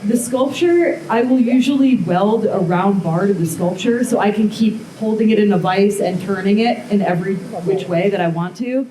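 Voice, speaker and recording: A blacksmith demonstrator with a dark-toned, medium-pitched voice talks at normal speed with few pauses during a live metalworking demo for an audience. She's casual and rambling, scattering "um" and "like" throughout. The room is echoey and crowd sounds carry.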